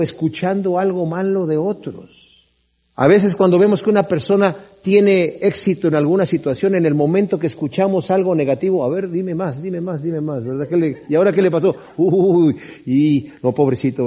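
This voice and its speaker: A man's voice: fairly high pitch, warm tone, husky. A middle-aged man preaching as a pastor, reading scripture aloud and explaining it conversationally, often asking "right?". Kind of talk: sermon.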